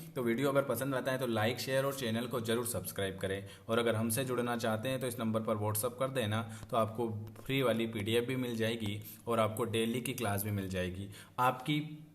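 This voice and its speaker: A man teaches an exam prep lesson in a mid-pitched voice. He repeats each word and spells it out slowly, one part at a time. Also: fairly bright tone. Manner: drills words, repeats and spells them slowly.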